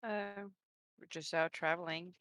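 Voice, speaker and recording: Low-voiced woman player. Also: steady tone, unhurried, a bit bright. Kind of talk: casual tabletop play.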